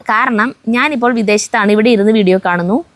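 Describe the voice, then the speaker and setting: A woman co-hosting a family vlog, reading viewer comments aloud in a steady voice and breaking off now and then to chat and joke, outdoors at home on a windy day. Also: on the high side, brisk, no echo.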